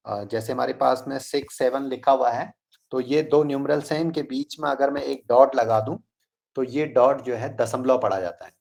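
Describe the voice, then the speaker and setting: A man teaching an online math class in a slow, deliberate way, reading out numbers digit by digit. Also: medium pitch, vocal fry, darkish tone.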